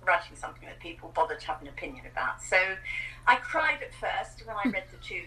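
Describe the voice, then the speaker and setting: A woman in her sixties from New Zealand, an author chatting as a guest with a lively, self-deprecating way of telling stories. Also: lowish voice, fast talker. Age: 60s. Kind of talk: casual interview chat. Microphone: remote video call. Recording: distant call audio with faint noise.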